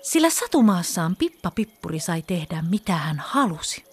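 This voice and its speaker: A woman reading a children's story aloud, expressive and sometimes dropping to a whisper. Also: on the low side, slightly rough. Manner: expressive, with hushed whispered passages.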